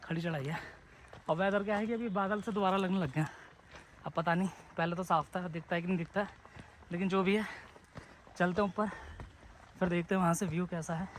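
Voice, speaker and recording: A man with a high voice chats casually to his viewers as he treks up a foggy hill trail. He is recorded on a handheld camera mic, with clear outdoor noise behind him. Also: steady tone, brisk, pauses often, rough recording. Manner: chatty, talks to viewers while trekking. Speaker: travel vlogger. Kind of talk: casual vlog narration to viewers. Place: outdoor hill trek in fog.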